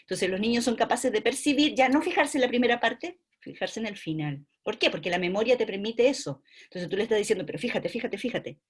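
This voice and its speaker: Husky-voiced Chilean woman lecturing. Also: on the high side, animated, brisk, few pauses. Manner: explanatory, checks in with frequent rhetorical questions. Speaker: university lecturer for trainee teachers. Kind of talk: online class lecture. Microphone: video call.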